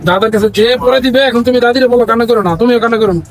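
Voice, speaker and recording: A young man, a father filming a casual family vlog, talking in a gentle, coaxing, reassuring way on a train. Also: extremely high pitch, steady tone, racing, loud music behind the voice. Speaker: father and vlogger. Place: inside a moving train.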